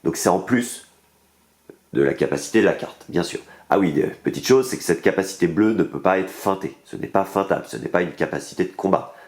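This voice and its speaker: A man's voice: sits low, fairly quick, darkish tone. A man with a French accent casually reviewing a board game's cards, enthusiastic and explaining the rules step by step with many fillers. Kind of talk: casual unboxing and card review.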